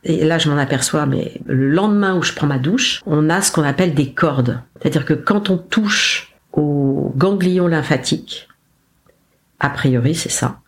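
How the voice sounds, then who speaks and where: A woman, a podcast guest, recounting her experience in a casual, animated way, acting out her own lines with self-mocking humour. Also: low-pitched, measured pace. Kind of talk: casual storytelling interview.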